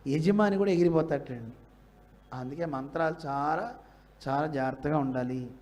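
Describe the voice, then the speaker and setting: A man's voice: fairly high pitch, a little mellow. A man with a Telugu accent giving a religious discourse, questioning his listeners and acting out quoted lines. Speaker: religious teacher. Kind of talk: Bhagavata discourse to a live audience.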